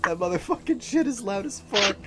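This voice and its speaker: A young man in casual gaming chat, sarcastic, going from deadpan mutters to loud outbursts. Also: high voice, a little fast. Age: young adult. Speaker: gaming friend.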